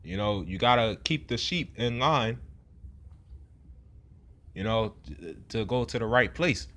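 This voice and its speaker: A man's voice: on the low side, expressive, measured pace, fairly bright tone. A man giving an informal sermon in a rambling way, with many fillers and frequent rhetorical "right?" questions. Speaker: preacher.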